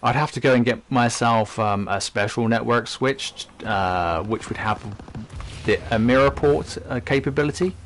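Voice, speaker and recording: A man's voice: mid-range voice, normal speed. A man commenting casually while playing a game on a live stream, rambling and chatty with many fillers. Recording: game gunfire audible behind voice.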